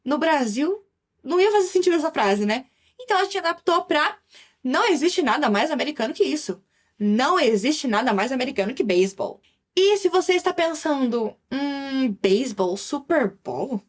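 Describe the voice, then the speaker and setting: Lively high-voiced Brazilian teacher. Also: female voice. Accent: Brazilian Portuguese. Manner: lively, chatty, switching into slow English examples. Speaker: English teacher. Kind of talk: online language lesson.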